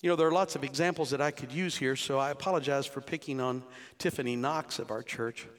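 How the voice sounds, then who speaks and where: Fast and fairly bright at a medium pitch, a man in his sixties preaches to his congregation in church, asking rhetorical questions in a conversational style. Long hall reverb surrounds the recording.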